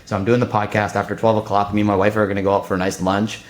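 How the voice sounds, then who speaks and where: A man in his thirties talks quickly as a podcast guest, his low voice rushing through loose, casual sentences packed with "like" and restarts. He sounds relaxed and conversational. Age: 30s. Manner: fast, loose, filler-heavy talk with many restarts.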